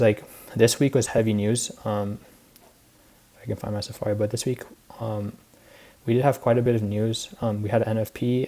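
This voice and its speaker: A teenage boy talks through his week in a loose, filler-heavy ramble, sounding tired and a little out of breath. His voice sits low and dark, with a flat, even delivery. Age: teens. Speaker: student trader recapping his week. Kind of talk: casual spoken recap.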